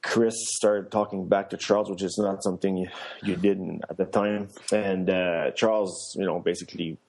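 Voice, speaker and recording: Middle-aged male guest, low voice, rambling storyteller full of restarts and little laughs. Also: level tone, moderate pace, a little mellow. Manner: rambling, with many restarts and fillers; laughs while telling stories. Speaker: guest, former luge athlete and coach. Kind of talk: casual storytelling in an interview.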